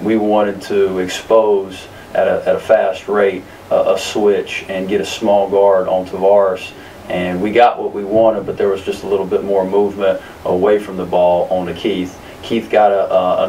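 A man in his thirties with a very low voice answers questions after a game, picking his words slowly and circling back with frequent fillers. He sits a little way from the microphone in a press room. A faint hiss stays under his speech. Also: darkish tone, recorded from a distance, poor audio. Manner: measured, many fillers and restarts. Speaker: basketball coach. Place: press room in front of a sponsor backdrop.

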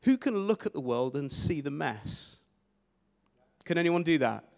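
A man's voice: on the high side, unhurried, creaky. Guy preaching w handheld mic, keeps restarting words, big echoey church hall. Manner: energetic, gesturing, repeats words when starting phrases. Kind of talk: sermon. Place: church stage in a large hall. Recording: long hall reverb.

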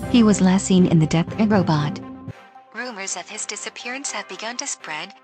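A woman's voice: mid-range voice, expressive, normal speed, soft background music, close to an everyday voice. A woman playing a formal breaking-news anchor in a cartoon parody. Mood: serious.

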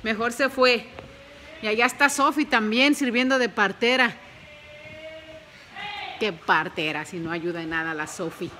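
A woman's voice: mid-range voice, unhurried, pauses often, sharp tone, slight background noise, rough recording. A woman vlogging at home on a phone, chatty and doting, mixing in English words. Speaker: family vlogger. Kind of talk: casual home vlog narration. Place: at home beside a birthing dog.

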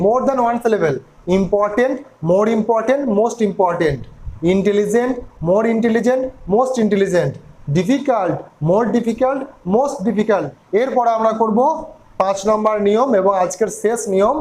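A man's voice: high-pitched, measured pace, darkish tone, low-quality recording. A man teaching an English grammar lesson, spelling words out letter by letter and asking his listeners questions.

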